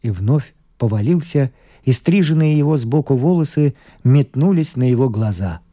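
A man reading a literary story aloud in the first person, measured and expressive, with faint music behind. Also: medium pitch. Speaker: narrator.

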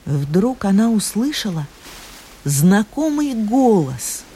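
A woman narrating a fairy tale with expressive storytelling. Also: medium pitch, slow, a little hiss or hum. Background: faint music.

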